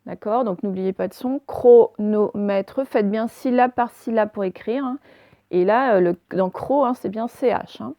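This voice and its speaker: A woman teacher giving a recorded spelling lesson, dictating words slowly and spelling them letter by letter. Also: a little high, mellow, dry recording. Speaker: primary school teacher.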